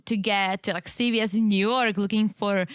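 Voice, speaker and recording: A woman's voice: medium pitch, fairly even intonation, moderate pace, clean tone, no echo. Casual woman co-host, close dry sound. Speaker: podcast co-host. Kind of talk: casual chat.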